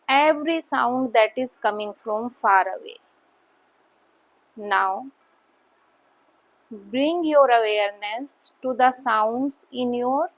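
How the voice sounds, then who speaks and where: A woman with an Indian accent guides a meditation as an instructor, calmly giving short instructions separated by long pauses. Her voice is fairly high, and the audio is poor.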